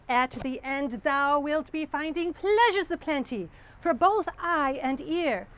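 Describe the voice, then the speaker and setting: A woman's voice: sits high, fairly bright tone. A woman putting on a grand courtly olde-worlde lady. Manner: grand, archaic, sing-song rhyming speech.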